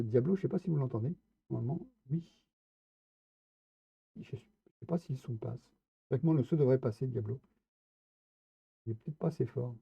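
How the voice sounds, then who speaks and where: A man's voice: mid-range voice, vocal fry, slightly rough, no echo. A man giving casual gameplay commentary, chatty and playful, talking straight to his viewers. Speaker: streamer. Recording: tinny phone-like, dry sound.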